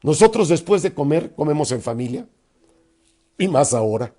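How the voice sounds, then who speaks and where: Animated man with high lively voice. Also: moderate pace, faint music behind. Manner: expressive, acts out little dialogues with sudden pitch swings. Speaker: speaker on emotional self-control. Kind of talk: motivational talk.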